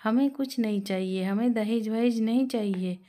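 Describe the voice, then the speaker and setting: A kindly, contented father-in-law, as a woman storyteller voices him, reassuring and calm. He is spoken in her own mellow, warm voice. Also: fairly high pitch, normal speed, close to an everyday voice.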